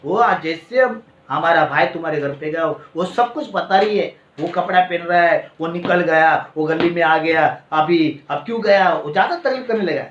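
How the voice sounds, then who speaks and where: A man, preaching a sermon and telling a personal story in an animated way, often adding "है ना" and "Praise the Lord". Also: on the high side, moderate pace, slight background noise. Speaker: pastor. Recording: echoey, dull lo-fi hall recording.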